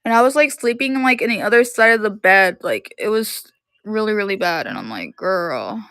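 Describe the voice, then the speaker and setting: A woman's voice: mid-range voice, animated, moderate pace, fairly bright tone, no echo, studio quality. A woman in her thirties chatting casually and rambling on a live stream from her room at home, filling her talk with "like". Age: 30s. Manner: rambling, heavy use of "like".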